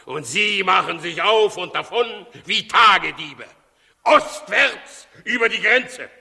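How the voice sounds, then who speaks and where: A man's voice: sits high, expressive, slow pace, vocal fry, pushed and bright, husky, full character voice. An actor playing an imperious, suspicious, easily enraged king in a 1960s radio drama, with a commanding, agitated manner. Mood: outraged, commanding. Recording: 1960s radio recording, long hall reverb.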